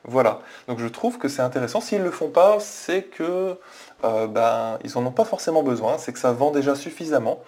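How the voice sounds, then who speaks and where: A man's voice: medium pitch, expressive, moderate pace, darkish tone. A man narrates a screen-share review of a web page. He explains things in a hesitant way, with plenty of fillers and restarts, and he often turns to his viewers to ask them directly. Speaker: online business coach. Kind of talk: screen-share walkthrough commentary.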